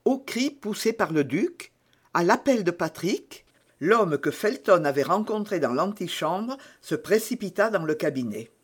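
Male audiobook narrator, high voice, unhurried, measured. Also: very animated, slightly rough. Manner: measured, deliberate storytelling. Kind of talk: audiobook narration of a classic novel.

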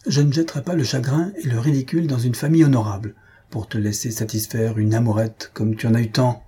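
A man voicing an excitable, bossy old spinster aunt who scolds in shrill outbursts, in a storybook reading. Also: quick pace, slightly rough. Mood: indignant.

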